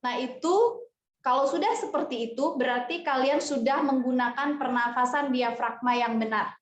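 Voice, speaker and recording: A woman's voice: sits high, normal speed. A woman music teacher giving a casual, chatty lesson and speaking directly to her students. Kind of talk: casual classroom explanation. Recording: echoey room, dull lo-fi sound.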